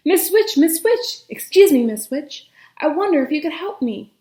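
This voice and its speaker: A woman plays an anxious young fairy-tale prince from a storybook. The voice is high, whiny and breathless, forever pleading and flustered. It rings in a roomy space. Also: lively intonation, normal speed, dark tone. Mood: eager, pleading.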